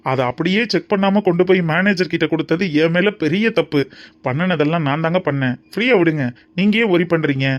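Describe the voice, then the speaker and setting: A man voicing a breezy fast-talking young man. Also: on the high side, lo-fi sound, natural voice. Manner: breezy, joking. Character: easygoing young man, teasing and reassuring. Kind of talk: cartoon dub acting.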